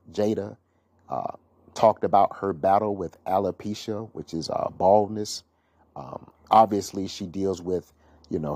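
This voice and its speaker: Low, mellow-voiced man hosting a gossip show. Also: breathy edge, no echo. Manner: opinionated, rambling with fillers and restarts. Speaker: gossip podcast host. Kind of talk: casual solo commentary.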